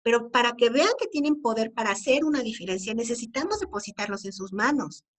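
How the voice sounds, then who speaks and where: A middle-aged woman with a Mexican accent speaks to parents in a conversational, earnest way. Her voice sits a little high, and she keeps asking rhetorical questions as she talks. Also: lively intonation, fast. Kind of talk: informal talk to parents.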